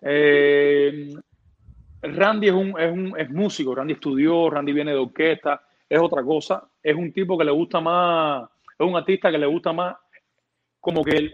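A fairly high-voiced man talks casually as a music producer in an interview. He rambles, repeating words and restarting often. The recording sounds dull and lo-fi.

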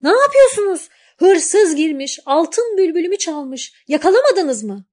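A woman voicing a proud young princess who shouts in alarm and anger at her guards. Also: sing-song, unhurried, full character voice. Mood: alarmed, indignant. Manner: shrill, commanding shouts.

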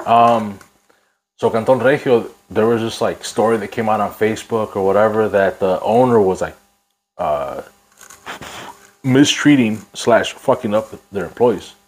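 Low-voiced man, slangy bro talk. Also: measured pace. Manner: bro-heavy, slangy, swearing street talk. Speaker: podcast host. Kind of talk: casual podcast chat.

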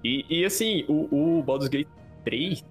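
A man's voice: fairly high pitch, a little slow, soft background music. A man with a Brazilian accent in casual, slangy chat, often checking that others agree.

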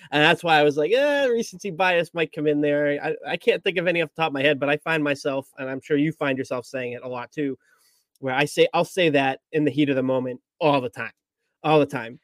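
Measured, agreeable podcast co-host man. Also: fairly high pitch, no echo, studio quality. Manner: measured, agreeable, tempers his partner's claims. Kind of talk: casual sports podcast chat.

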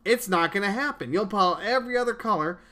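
A man's voice: high voice, expressive, fast talker, pushed and bright. Earnest man preaching on a podcast. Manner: earnest, preachy, with frequent restarts and stammers. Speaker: podcast host.

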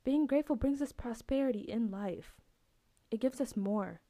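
A woman's voice: fairly high pitch, normal speed, warm tone, dry recording. A woman hosting a podcast, giving a casual, earnest religious talk that repeats its points. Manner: earnest, repetitive, conversational. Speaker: podcast host.

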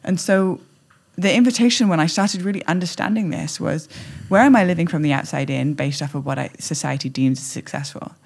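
A woman's voice: deep voice, a little fast, creaky, slightly rough. A woman podcast guest talking animatedly, playful and exuberant, acting out little scenes as she goes. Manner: playful, exuberant, acts out scenes with squeals and laughs. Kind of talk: animated conversational talk.

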